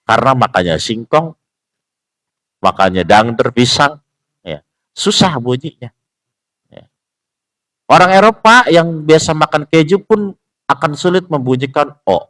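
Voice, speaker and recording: A man giving a relaxed religious lesson at a mosque, joking with the congregation, asking rhetorical questions and slowly sounding out words to show how they are pronounced. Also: fairly high pitch. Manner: acts out pronunciations, repeating words slowly. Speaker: mosque teacher. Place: mosque at dawn study session.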